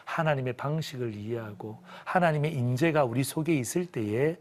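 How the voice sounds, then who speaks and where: A middle-aged male pastor teaching a televised Bible class. He talks in an animated way, acts out scenes and leads the audience in call-and-response. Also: medium pitch, moderate pace, a little hiss or hum. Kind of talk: lively televised Bible lesson.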